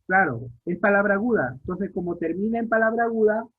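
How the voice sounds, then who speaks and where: A man with a high, slightly husky voice teaches an online literature class. He keeps asking his students questions and repeats each key point. The sound is thin and narrow, like a phone line. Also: fast talker. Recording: tinny phone-like audio line.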